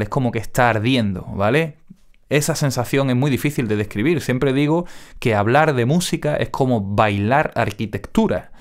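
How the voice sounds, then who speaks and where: With a mid-range voice, a man walks through audio mixing in an informal tutorial, pronouncing things carefully and crisply while regularly checking in with the listener.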